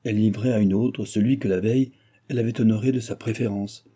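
A man reading a classic novel aloud in steady, literary narration. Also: lowish voice, fast talker, breathy edge. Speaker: audiobook narrator. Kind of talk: scripted narration.

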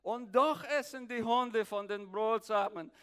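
A woman's voice: on the high side, measured pace, voice pushed up, lightly acted. A male preacher voicing a desperate foreign woman in a Bible reading, pleading for help.

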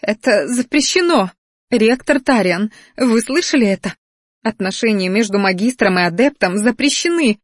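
The narrator voicing a spoiled young female student who sobs and shrieks in a high, whining voice. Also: brisk, hardly any pauses, no room sound, clean studio sound, lightly acted. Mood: shrill. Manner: shrill, sobbing, whining.

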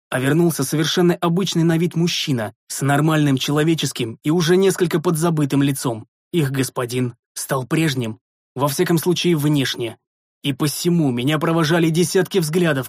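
A man narrating a first-person fantasy audiobook in a measured, steady reading voice. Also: fairly high pitch, no room sound, studio quality.

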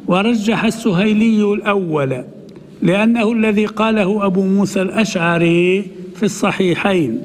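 Male sheikh reading a text aloud then explaining it, highish voice, hall reverb. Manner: reads quoted text slowly, then explains in a conversational aside. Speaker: sheikh teaching hadith commentary. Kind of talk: classical Arabic lesson, reading and explaining a text.

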